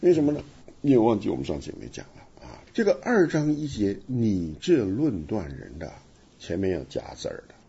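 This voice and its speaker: Husky, animated male radio Bible teacher. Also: fairly low pitch, a little fast, muffled recording. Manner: emphatic, questioning teaching with rhetorical questions. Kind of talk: radio Bible study discussion.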